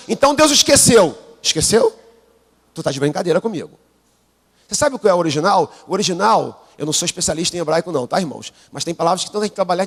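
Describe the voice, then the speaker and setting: A Brazilian pastor with a gravelly, husky voice, preaching live while unwell. His pitch leaps around, dropping to murmured asides and climbing to shouted peaks. He keeps prompting the congregation to answer, and long hall reverb surrounds every line. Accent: Brazilian Portuguese. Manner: call-and-response preaching, prompting the congregation to repeat; swings from low asides to shouted climaxes. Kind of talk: sermon. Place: church sanctuary.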